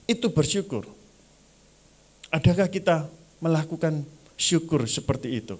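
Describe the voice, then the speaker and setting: A man's voice: on the high side, expressive, measured pace, a little mellow, breathy edge. A male pastor preaching a sermon at a church service, dropping in phrases and acting out short prayers and grumbles. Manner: acts out prayers and grumbles in small voices; mixes in Javanese phrases.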